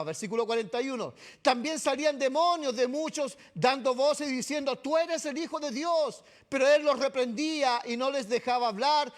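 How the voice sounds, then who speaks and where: Chilean male pastor, very high voice, sermon, keeps checking in with the congregation. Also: fairly bright tone. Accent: Chilean Spanish. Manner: keeps adding "¿cierto?" and "amado" to address the congregation. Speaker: preacher. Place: church.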